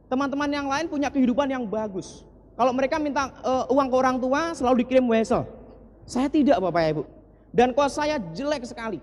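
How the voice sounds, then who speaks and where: Forties man from East Java, earnest motivational storyteller, long hall reverb. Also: extremely high pitch. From East Java, Indonesia. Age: 40s. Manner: earnest, often turns to the audience with short asides. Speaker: motivational speaker. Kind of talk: personal story told to an audience.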